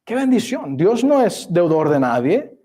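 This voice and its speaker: A man preaching from the pulpit of a church, his voice pitched high for a man but warm and mellow in tone. He builds to emphatic peaks and recites scripture in formal, old-fashioned phrasing. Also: big pitch swings, a little slow. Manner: preaching with rising emphasis, quoting scripture in older formal Spanish. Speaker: pastor. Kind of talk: sermon. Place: church sanctuary.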